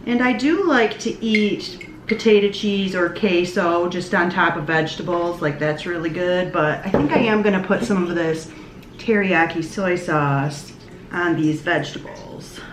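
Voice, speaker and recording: A woman's voice: on the low side, a little slow, roomy sound, slight background noise. A woman chatting casually about her meals in a food vlog, often laughing. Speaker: vlogger.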